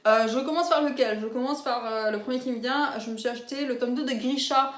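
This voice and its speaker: A woman's voice: a little high, a little fast. A young woman chatting enthusiastically about books she bought, full of fillers and giggles. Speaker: booktuber. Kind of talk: casual book haul chat. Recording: roomy echo.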